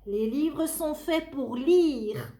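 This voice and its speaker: In an echoey room, a woman plays an eager little storybook boy who loves books. The voice is pitched high, earnest and sing-song, full of exclamation. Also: expressive, extremely slow, mellow, full character voice. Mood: eager, reassuring. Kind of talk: children's storybook character voice.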